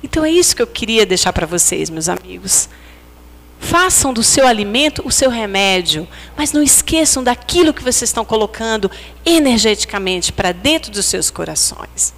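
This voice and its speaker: A Brazilian woman with a fairly high voice gives a religious lecture. She keeps it conversational and checks in with her listeners. Her words ring out with the long reverb of a large hall. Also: fairly bright tone. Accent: Brazilian Portuguese. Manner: conversational, asks the audience for agreement. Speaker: speaker at a spiritist center.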